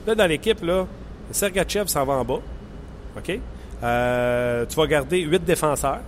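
A man with a Quebec French accent co-hosting sports talk radio, giving blunt, quick opinions. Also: on the high side, expressive, a little hiss or hum.

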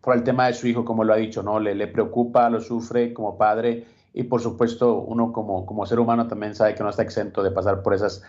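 A man co-hosting a casual boxing talk show, reflective and steady, often tagging his points with a question. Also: fairly low pitch, fairly quick, few pauses. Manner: reflective, steady, frequent "¿no?" tags. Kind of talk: casual sports chat. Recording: dull lo-fi recording.

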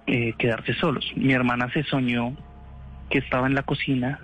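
A man's voice: mid-range voice, flat delivery, moderate pace, fairly bright tone, muffled recording, faint music behind. A man casually telling a story in an interview, rambling with restarts and slangy asides.

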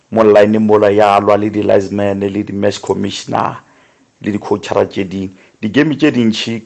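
A man with a South African Sotho accent giving casual football opinions as a radio caller, deliberate and pausing between phrases. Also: on the low side, gravelly. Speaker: radio sports show caller.

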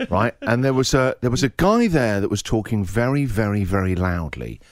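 A middle-aged man tells a story on a radio show, his pitch leaping up and down as he laughs through it. He acts out the other people's lines in quick little voices. The talk is casual and full of energy. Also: big pitch swings, no room sound, studio quality. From England. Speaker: radio host.

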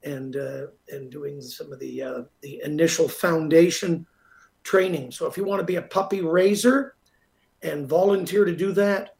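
A man's voice: a little high, moderate pace, gravelly, darkish tone. A Canadian man hosting live radio talk and making announcements, repeating details for emphasis. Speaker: radio talk show host.

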